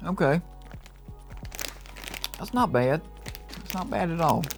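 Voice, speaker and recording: A man giving an enthusiastic, casual review of low-carb snacks, reacting as he tastes them. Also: sing-song, slow, soft background music. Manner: upbeat, enthusiastic tasting reactions. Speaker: food reviewer. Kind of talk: casual product review vlog.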